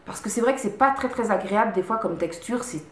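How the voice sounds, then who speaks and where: A woman beauty vlogger reviews her favorite products fast and chattily, her medium-pitched voice full of lively intonation. She often repeats words and stops to begin again. She's recording in an echoey room at home.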